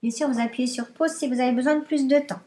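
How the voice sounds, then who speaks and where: A woman teaching primary maths, dictating to young pupils with deliberate articulation and repeating herself. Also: high voice, steady tone, mellow.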